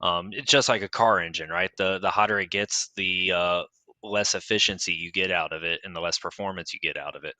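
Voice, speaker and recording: A man's voice: low voice, brisk, pushed and bright, dry recording. A middle-aged man giving hesitant, filler-heavy analysis on a virtual cycling race broadcast. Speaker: guest analyst. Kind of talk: esports cycling commentary.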